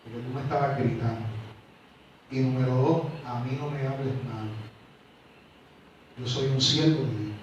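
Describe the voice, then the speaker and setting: A man's voice: mid-range voice, normal speed, pauses often, lo-fi sound, slight background noise. A man, a pastor telling a personal testimony in a sermon and acting out the dialogue. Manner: animated storytelling, acts out dialogue, swings from loud to quiet. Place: large church sanctuary. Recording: echoey hall, mic from far off.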